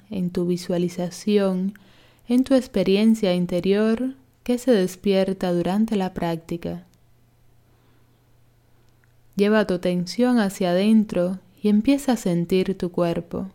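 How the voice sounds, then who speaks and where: A yoga instructor with a mid-range voice guides a relaxation meditation, speaking calmly and soothingly as she gives gentle instructions.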